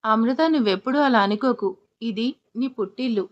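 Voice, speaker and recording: A woman's voice: a little high, moderate pace, lo-fi sound, natural voice. A woman voicing a kind, reassuring elder mother. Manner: warm, reassuring. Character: kindly middle-aged mother-in-law.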